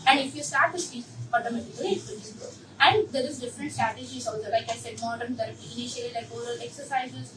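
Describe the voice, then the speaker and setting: A high-pitched woman with a South Indian accent gives an explanatory talk to parents. She repeats her points emphatically and poses questions as she goes. The recording is distant and echoey, with clear noise behind her. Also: fast talker, hardly any pauses. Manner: repetitive, emphatic, with rhetorical questions. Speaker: speech therapist addressing parents. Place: echoey room at a group session. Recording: echoey, noisy room, far from mic.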